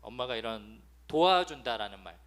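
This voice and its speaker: A man in his thirties preaching to teenagers in a lively sermon, acting out nagging parents with sudden loud outbursts. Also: medium pitch, normal speed. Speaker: preacher to a youth congregation. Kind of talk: lively sermon with acted-out quotes.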